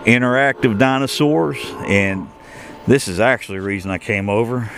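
A man's voice: medium pitch, normal speed, a bit bright, a little hiss or hum. A man giving a casual walking-tour commentary outdoors, rambling with many fillers and restarts. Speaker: travel vlogger. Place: outdoors at a shopping and entertainment complex.

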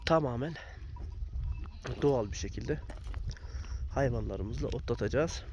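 A man, a little hoarse and phlegmy from a sore throat, explaining things plainly as he vlogs casually from his pasture as a goat herder. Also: mid-range voice, expressive, a little slow, a little mellow. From Turkey, a village in Tokat province. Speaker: goat herder and video blogger. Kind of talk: casual outdoor vlog to viewers. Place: open pasture outdoors in the countryside. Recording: noisy outdoor recording with livestock sounds. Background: goats and animal sounds, outdoor noise.

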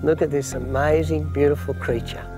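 Higher-pitched Australian man presenting wildlife. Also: fairly even intonation, moderate pace, over music. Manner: dramatic, emphatic, marvelling, often breaking off to address the animal. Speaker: wildlife show host. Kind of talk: wildlife documentary presenting to camera. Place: outdoors in the Australian bush.

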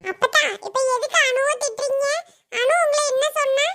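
A woman's voice: very high-pitched, steady tone, a little fast, fairly bright tone. A woman voicing a protective young girl cousin in a cartoon, arguing and pleading with an elder, with a Kanyakumari Tamil accent. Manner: pleading, argumentative. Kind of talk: cartoon voice acting.

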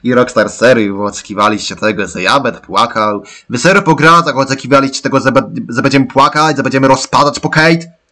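A man doing let's-play gameplay commentary, ranting excitably and yelling at the characters. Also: medium pitch, a little fast.

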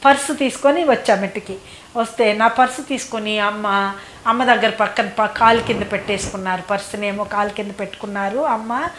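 A woman's voice: medium pitch, fairly even intonation, brisk, a bit bright, slight background noise. Woman reminiscing in an echoey room. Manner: rambling, repeats phrases, fills with "annamaata". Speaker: devotee recounting memories of a saint. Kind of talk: reminiscing oral storytelling.

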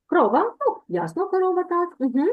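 A woman teaching a language lesson over a video call, patiently repeating words slowly to correct pronunciation. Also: very high-pitched, sing-song, phone-quality sound.

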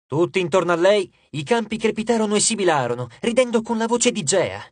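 A man narrating an audiobook with expressive, dramatic storytelling, recorded on a studio microphone in a booth. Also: high-pitched, a little fast, no echo.

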